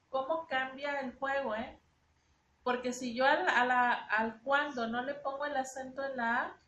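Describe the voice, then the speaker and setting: Female teacher, high voice, explanatory and repetitive delivery, echoey room with faint noise. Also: fairly bright tone. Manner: explanatory, repeats words while teaching. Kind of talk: spoken grammar lesson.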